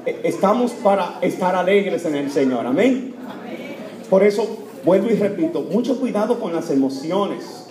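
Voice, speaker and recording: A man with a notably high voice delivers a heartfelt sermon in a church. His preaching swings between loud, fervent cries and hushed, tender tones, and he repeats words for emphasis. The sound rings around a reverberant hall. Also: animated, moderate pace. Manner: repetitive, with many fillers. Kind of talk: emotional sermon. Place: church before Mass. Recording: echoey church room.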